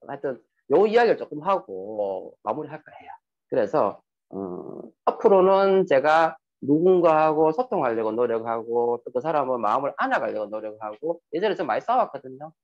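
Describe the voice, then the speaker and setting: Guy doing a motivational seminar, keeps asking the crowd stuff, muffled lo-fi audio. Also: mid-range voice. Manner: lively, asks the audience questions. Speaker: speaker giving a motivational talk. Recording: muffled lo-fi recording.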